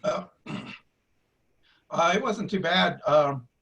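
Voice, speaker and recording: A man with a somewhat high voice talks casually. His delivery is halting and conversational, as part of a group chat. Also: lively intonation, creaky, fairly bright tone.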